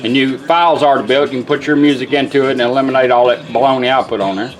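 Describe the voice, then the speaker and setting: Racing along in a steady, mid-range voice, a man demonstrates a product hands-on; he restores car radios and talks in a folksy, down-to-earth manner. Music plays under the low-quality audio.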